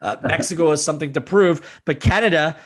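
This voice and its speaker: A man's voice: fairly high pitch, brisk. A man hosting a casual sports podcast, talking with enthusiasm. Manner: enthusiastic, excitable. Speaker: podcast host.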